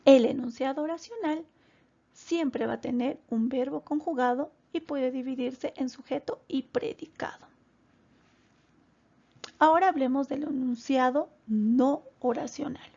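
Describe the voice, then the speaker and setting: A woman teaching a grammar lesson to children, explaining slowly and deliberately and addressing them directly. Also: high-pitched, vocal fry, mellow, highs cut off. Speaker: primary school teacher.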